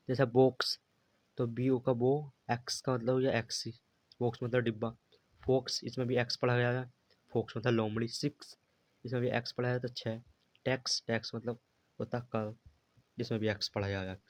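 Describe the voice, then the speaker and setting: A man teaching a beginners' English phonics lesson, patiently spelling words out letter by letter and repeating them. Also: mid-range voice. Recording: dry, slightly dull lo-fi recording.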